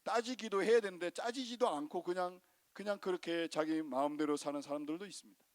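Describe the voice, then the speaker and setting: A male pastor preaching a Sunday sermon, dramatic and animated, often asking the congregation questions. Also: sits high, brisk.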